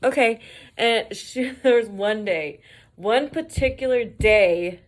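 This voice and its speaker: Slow-talking woman telling work stories. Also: on the high side. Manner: swearing, laughing often, acts out quoted voices. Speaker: mail carrier. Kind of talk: casual storytelling vlog.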